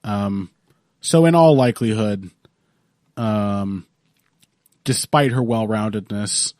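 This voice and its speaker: A man's voice: on the low side, slow pace, a little mellow, no room sound, clean studio sound. A young man with a sick, congested voice, co-hosting a casual podcast, rambling and swearing often. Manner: rambling, profane, laughs often. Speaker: podcast co-host.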